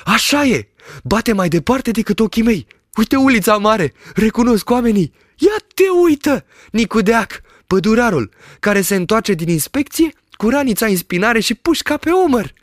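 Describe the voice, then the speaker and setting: A man doing a high, excited village shepherd. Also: dry recording, clean studio sound. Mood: amazed. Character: awestruck village shepherd, grown man, superstitious. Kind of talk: audiobook reading.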